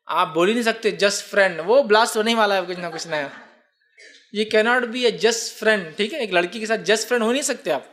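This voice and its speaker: A man's voice: high-pitched, fairly bright tone. A man answering a religious question, explaining patiently and asking and answering his own rhetorical questions. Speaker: Islamic speaker. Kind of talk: religious Q&A talk.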